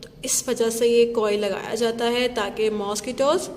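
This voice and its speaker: A woman teacher leads a phonics lesson for young children, slowly sounding out letters and switching between English and Hindi-Urdu. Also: a little high, steady tone, darkish tone. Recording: long reverb.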